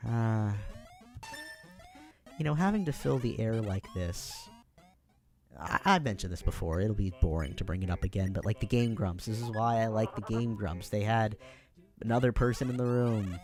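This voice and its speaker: A man's voice: lowish voice, expressive, normal speed, darkish tone, soft background music. An American man chatting on his own during a livestream, rambling and self-deprecating with plenty of fillers. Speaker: streamer.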